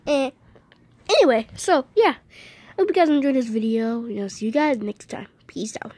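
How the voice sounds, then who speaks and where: High-voiced female vlogger, chatty. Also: animated, moderate pace, darkish tone. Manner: chatty, rambling, repeats herself. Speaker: video maker. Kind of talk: casual chat to camera, toy play.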